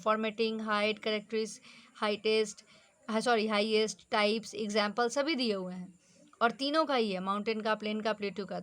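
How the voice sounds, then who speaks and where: A woman teacher giving a brisk, exam-focused lesson, slipping English terms into her instructions. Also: on the high side, a bit bright.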